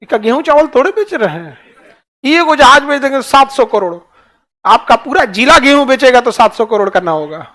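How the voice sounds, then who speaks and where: High-voiced Bihari teacher, rhetorical questions. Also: male voice, lively intonation, fairly quick, sharp tone. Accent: Bihari Hindi. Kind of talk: classroom lecture.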